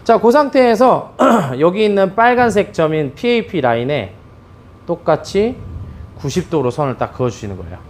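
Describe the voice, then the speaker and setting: Middle-aged male bowling instructor, lively and rising in pitch, faint room hum behind. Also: normal speed. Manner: lively, animated explaining with many "자" cues. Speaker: bowling pro explaining ball drilling. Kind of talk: instructional demonstration.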